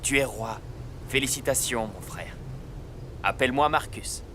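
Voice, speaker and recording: A man's voice: mid-range voice, measured pace, a bit bright, lightly acted. A man playing a friendly, unpretentious prince in a dubbed film. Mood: warm, familiar. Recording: faint background noise.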